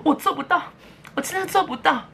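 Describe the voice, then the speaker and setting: A woman's voice: high-pitched, very animated, quick pace, slight background noise, pitched above the performer's own voice. A woman mimicking a weepy timid girl heroine. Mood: whiny pleading.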